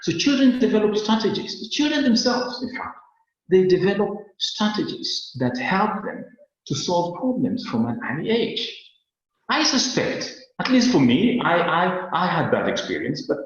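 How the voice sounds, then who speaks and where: A Kenyan man teaching a webinar in an earnest, animated way, his pitch rising and falling widely as he explains. He often repeats a word while searching for the next. The sound is heavily echoey and dull, like lo-fi online-meeting audio. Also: normal speed. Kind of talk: lecture on a webinar.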